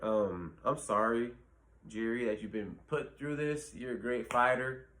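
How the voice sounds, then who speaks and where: A man's voice: medium pitch, measured pace, a bit bright. Blunt, profane man giving casual fight picks. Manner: blunt, profane, rambling with fillers. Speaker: fight predictions host. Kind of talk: casual solo commentary.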